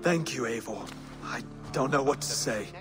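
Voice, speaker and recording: A man's voice: medium pitch, moderate pace, music in the background, lightly acted. An actor playing a humble, grateful young Saxon king in a dramatic video game scene. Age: young adult.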